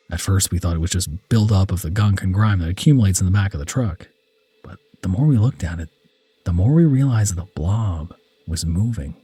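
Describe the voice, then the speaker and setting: A man reading a first-person horror story as narrator, slow and dramatic, dropping to a hushed whisper at tense moments. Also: fairly low pitch.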